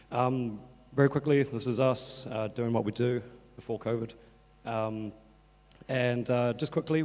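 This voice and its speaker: A man with a croaky, talked-out voice with creaky starts, giving an informal, filler-heavy stage presentation. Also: mid-range voice, a little mellow. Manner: casual, hesitant, many fillers such as "like". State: croaky from two days of talking. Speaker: conference speaker, workshop organiser. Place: on stage in a conference hall. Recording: echoey hall, long reverb.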